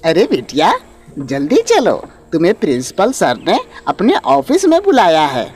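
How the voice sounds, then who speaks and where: Brief: woman playing a homely old crow man, low and lively, cartoon. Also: moderate pace, husky, soft background music, exaggerated voice. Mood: urgent. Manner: deep, homely voice. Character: old male crow, school peon, kindly.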